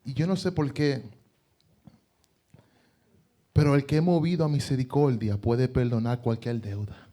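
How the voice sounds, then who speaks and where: A man's voice: mid-range voice, steady tone, a little fast, warm tone. A man preaching a sermon as pastor, retelling with emphasis and rhetorical questions.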